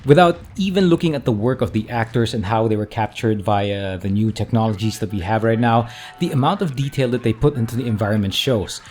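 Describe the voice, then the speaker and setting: A man's voice: fairly low pitch, a little fast, darkish tone, faint music behind. A man giving a casual video game review as a voice-over, conversational and often correcting himself mid-sentence.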